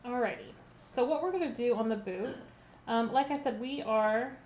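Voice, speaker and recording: With a fairly high pitch and moderate pace, a woman chats through a live-streamed demo of decorating cookies, saying hello to viewers by name and using plenty of ums. Her laptop mic gives slightly muffled sound with faint background noise.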